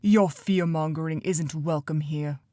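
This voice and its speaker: A woman voicing a stern, cold male council leader who talks in a sharp, commanding way, in an audiobook. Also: fairly low pitch, normal speed, no echo, lightly acted. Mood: icy.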